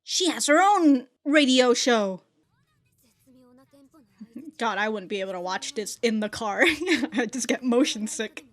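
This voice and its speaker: Reacting to an anime and reading its subtitles out loud, a woman swears and exclaims freely in casual slang. Her fairly high voice is expressive, and she talks at a measured pace, pausing often.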